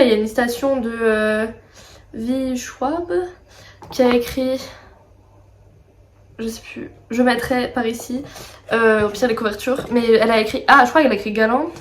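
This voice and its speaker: A woman's voice: fairly high pitch, a little hiss or hum. Chatty young woman unboxing books. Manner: chatty, rambling, many fillers and asides. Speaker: book vlogger. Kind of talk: casual unboxing vlog.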